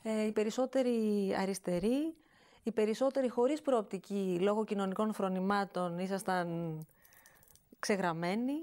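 A woman interviewing her guest, asking gentle and hesitant questions with many pauses. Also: medium pitch, fairly even intonation. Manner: soft, hesitant, with many fillers.

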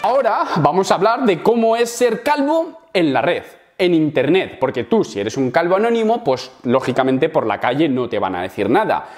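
A young Spaniard talks straight to his viewers in a comedic vlog, with a Spain accent and a sarcastic edge. He swears freely and acts out little scenes, and his pitch leaps up and down as he talks. Faint music sits quietly underneath. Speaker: YouTuber.

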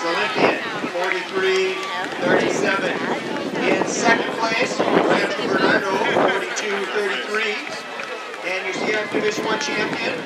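A man announcing track meet results over a stadium PA system, reading places and times in a measured way. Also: high voice. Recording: echoey PA heard from far off, loud crowd and noise. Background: loud crowd and outdoor noise.

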